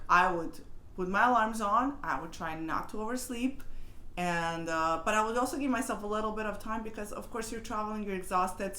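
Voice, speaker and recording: A woman's voice: medium pitch, fairly bright tone. A woman, sharing travel tips in a chatty, rambling way. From Serbia. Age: 30s. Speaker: travel vlogger. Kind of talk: casual talking-head advice vlog. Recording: echoey room with faint ambient noise.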